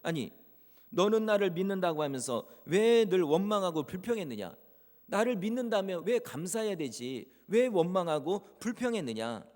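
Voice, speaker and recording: A man's voice: high voice, very animated, moderate pace, darkish tone, big-room sound. Fields: a man voicing a stern God judging sinners. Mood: stern rebuking. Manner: rebuking questions.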